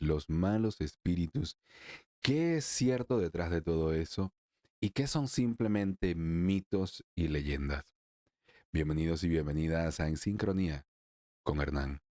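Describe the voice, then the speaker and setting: A man from Venezuela hosting a solo spiritual podcast, chatty, laughing often, slowing down for emphasis and then speeding up. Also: deep voice, expressive, dark tone, no room sound, clean studio sound. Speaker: podcast host, emotional wellness therapist.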